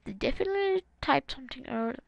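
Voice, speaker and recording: A woman's voice: sits high, lively intonation, fast, gravelly, dry recording, muffled recording. A woman hosting a gaming channel, reading forum comments aloud and adding casual, wry, sarcastic asides.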